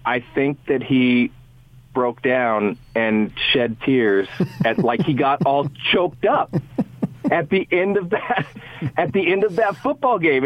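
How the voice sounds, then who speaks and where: A man on a thin, phone-like line talks football in a loose, rambling way. He often restarts his sentences and chuckles between thoughts, and his voice sits at an ordinary middle pitch with a dry sound. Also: no echo. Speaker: sports radio guest. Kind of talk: casual sports talk on the radio. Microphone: phone call.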